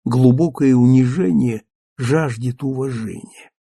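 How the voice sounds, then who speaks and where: A man narrating an audiobook in an even, measured storytelling manner. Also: mid-range voice, gravelly, no echo, studio quality.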